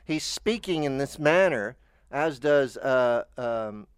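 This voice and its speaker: A man's voice: mid-range voice, expressive, takes it slowly, clear, resonant tone, no room sound. Podcast host, American man, chatty and rambling, dry close mic. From United States. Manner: rambling, chatty, with stammered restarts. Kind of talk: casual chat.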